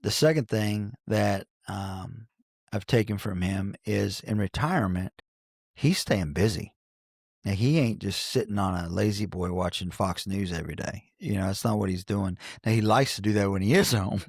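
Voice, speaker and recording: A man in his forties from Cincinnati, a guest on a podcast, talks in an earnest, folksy way and restarts his sentences often. His voice is low and gravelly. The studio sound is dry and close. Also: normal speed, no room sound. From Cincinnati, Ohio, United States. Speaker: basketball coach, podcast guest. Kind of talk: reflective conversational storytelling.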